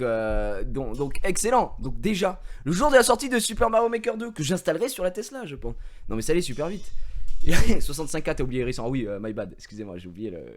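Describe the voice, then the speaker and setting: A young man chatting casually on a live stream, telling an anecdote and acting out the people he quotes. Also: medium pitch.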